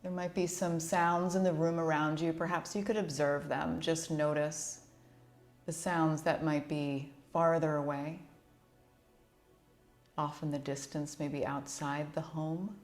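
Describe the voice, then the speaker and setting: A low-voiced woman guides a relaxation session as a yoga nidra instructor. Her instructions come gently and without hurry, in a soothing, level tone. Soft music plays in the background.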